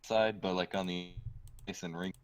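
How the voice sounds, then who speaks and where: Low guy on a glitchy call, audio cutting out, words going missing. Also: flat delivery. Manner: fragmented, halting phrases. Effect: voice cutting out over a bad connection, words dropping. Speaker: podcast participant on a call. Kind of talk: casual chat.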